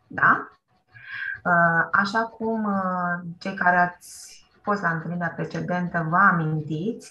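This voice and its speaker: A woman's voice: on the low side, pushed and bright, reverberant. A woman teaching young children in an online class, encouraging them, often checking with "da?" and praising with "bravo". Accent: Romanian. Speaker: primary school teacher. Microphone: computer mic on a video call.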